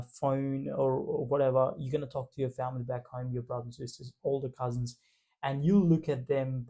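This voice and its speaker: A man's voice: medium pitch, warm tone. A man from Punjab with an Indian accent, talking reflectively to camera in a loose, casual way. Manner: reflective, loose phrasing full of fillers. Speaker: vlogger.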